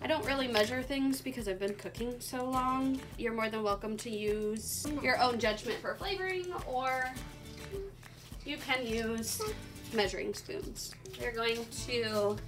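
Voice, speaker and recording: A woman in her thirties with a fairly high voice chats through a recipe in her home kitchen. She talks in a relaxed, friendly way with the odd um, filmed on a phone. Music plays clearly under her voice. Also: measured pace. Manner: friendly, chatty, relaxed with fillers. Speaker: youth club membership coordinator hosting a cooking video. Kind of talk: casual home cooking demo. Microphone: phone camera held by her son.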